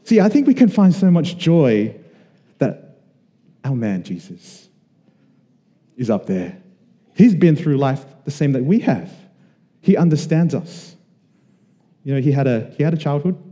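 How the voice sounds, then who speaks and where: A man from Australia preaching a sermon to a congregation, earnest and conversational with emphatic pauses. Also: on the high side, sing-song, warm tone, in a large hall. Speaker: pastor.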